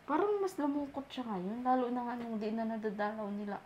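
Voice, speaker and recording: A woman vlogger in casual chat, coaxing and repeating her questions loudly to an elderly woman. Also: a little high, brisk, dull audio, slight background noise.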